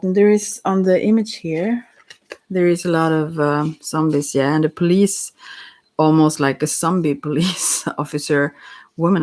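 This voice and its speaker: A soft-spoken ASMR tarot reader who talks gently and directly to the listener, meandering through pauses and restarts. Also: medium pitch.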